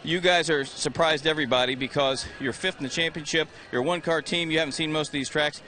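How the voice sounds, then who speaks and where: A man's voice: a little high, fairly even intonation, fast talker, bright, forceful tone, slight background noise. A man in his sixties doing brash, teasing grid interviews on a live race broadcast, out of breath. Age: 60s. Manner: joking, teasing, brash banter. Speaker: pit-lane grid reporter. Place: outdoors on a race starting grid.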